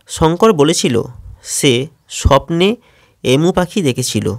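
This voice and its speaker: A Bengali-accented man talks schoolchildren through a lesson one question at a time. He reads out each question and then answers it in a steady, methodical way. His voice sits at a medium pitch, and the recording is close and dry. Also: creaky, no echo. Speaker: teacher.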